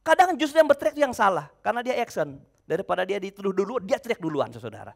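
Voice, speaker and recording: Guy pastor preaching, high voice, super animated, quizzes the crowd then answers himself, shouts then goes quiet. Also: racing, vocal fry. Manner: asks the congregation questions and answers them himself; bursts into shouts between quiet asides. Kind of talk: sermon.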